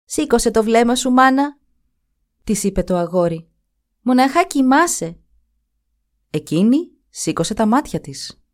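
A woman's voice: fairly high pitch, very animated, pauses often, pitched above the performer's own voice. A woman voicing a brave, stubborn young boy hunter, calling out urgently in a storybook reading. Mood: pleading.

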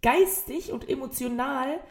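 A woman's voice: sits high, unhurried. A young woman co-hosting a podcast, making skeptical, teasing remarks in casual conversation. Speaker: podcast co-host. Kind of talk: casual book-discussion chat.

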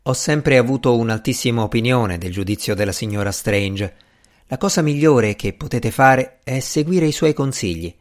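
A man reading the part of a cautious older gentleman politician in an audiobook, calm and mildly scolding. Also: medium pitch, moderate pace, natural voice.

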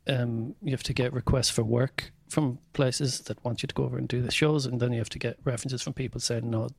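A man's voice: mid-range voice, steady tone, brisk, gravelly. A man with a west of Ireland accent, chatting casually and telling comic stories in a wry, self-deprecating way. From County Mayo, west of Ireland. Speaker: stand-up comedian guest. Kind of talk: casual chat, comic anecdotes.

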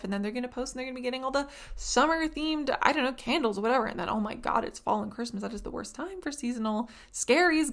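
A woman hosting a casual monologue podcast, chatty and rambling, with lots of "like". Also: fairly high pitch. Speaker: podcast host.

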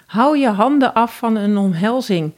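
A woman voicing Narcis, a proud young male hunter who calls out loudly and runs from love. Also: a little high, lively intonation, normal speed, lightly acted. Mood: calling out.

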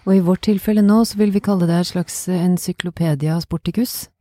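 A woman's voice: on the low side, fairly even intonation, mellow, no room sound. A woman hosting a podcast, moving between scripted reading and conversation. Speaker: podcast host.

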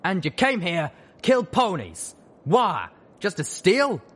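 Brief: raging older drill sergeant stallion, put on by a man, shouting, swinging pitch. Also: huge pitch swings, slow pace, slightly rough, full character voice. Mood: furious. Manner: shouting, barking insults. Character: older male pony drill sergeant, furious and bellowing.

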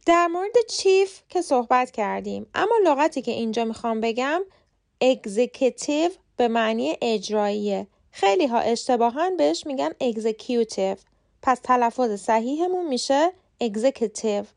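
A woman hosting a short podcast lesson, speaking Persian natively and spelling out English words letter by letter with slow, careful pronunciation. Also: on the high side, expressive, gravelly. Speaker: podcast host and English teacher.

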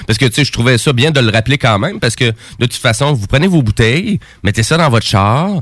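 A man's voice: medium pitch, expressive, fast talker, fairly bright tone, dry recording, studio quality. A man with a Quebec French accent co-hosting a casual radio talk show, explaining at length with many fillers. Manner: rambling, explanatory, heavy with fillers. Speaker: radio co-host. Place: radio studio.

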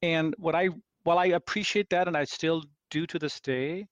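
A man's voice: a little high, no room sound. Thoughtful Austrian-born man, dry sound. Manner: thoughtful, halting with many restarts. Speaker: scientist guest. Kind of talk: reflective interview answers.

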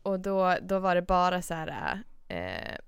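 A young woman with a gravelly yet smooth, clear voice, recorded close and dry. She chats on a podcast in a blunt way, swears freely and jumps in quickly with reactions. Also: lowish voice, big pitch swings, no echo. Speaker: podcast co-host. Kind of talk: casual chat.

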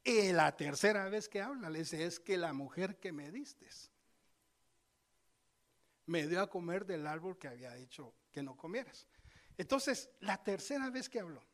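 A male preacher giving a sermon, telling scripture stories with lively asides and speaking straight to his congregation. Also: high-pitched, unhurried. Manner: lively storytelling, acts out scripture voices; addresses congregation directly, conversational asides.

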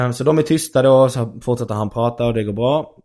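A man's voice: mid-range voice, darkish tone. Rambling young man telling stories. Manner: rambling, lots of fillers. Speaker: stand-up comedian. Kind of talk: casual storytelling chat.

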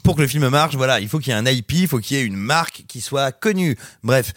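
A man reviewing a film in a casual podcast chat, animated and sarcastic as he mocks it. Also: mid-range voice, fast, no room sound, studio quality. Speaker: film critic.

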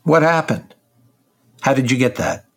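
Defense attorney: mid-range voice, measured, methodical questioning, dramatized trial podcast. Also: male voice, medium pitch, very animated, creaky, slightly rough, exaggerated voice. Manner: deliberate, short leading questions. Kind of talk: re-enacted direct examination.

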